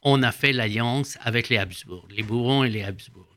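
A man's voice: mid-range voice, moderate pace, bright, forceful tone. An older man, a former diplomat, explaining at length in a radio interview, hesitating often with "euh".

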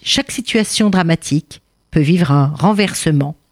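A woman telling a folk tale aloud in an expressive, exclamatory way. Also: low-pitched, normal speed, dry recording, clean studio sound. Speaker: storyteller. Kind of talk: oral storytelling of a folk tale.

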